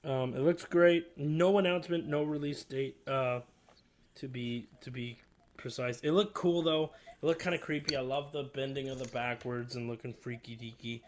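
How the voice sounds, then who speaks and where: A male host riffing through a games showcase in a loose, casual chat. He swears freely and sounds fed up, with his pitch sitting in an ordinary middle range. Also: fairly even intonation, normal speed, a little hiss or hum. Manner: profane, exasperated ranting.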